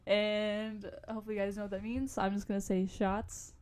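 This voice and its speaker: Young woman podcast cohost, mid pitch, rambly slangy storytelling, keeps losing her thread. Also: flat delivery, brisk, darkish tone. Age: young adult. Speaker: podcast co-host. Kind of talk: casual storytelling chat.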